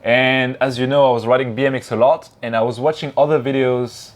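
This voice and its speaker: A man's voice: mid-range voice, steady tone, brisk. A man with a French accent, a native French speaker, talking as a guest in a casual interview, friendly with simple phrasing. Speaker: guest, YouTuber.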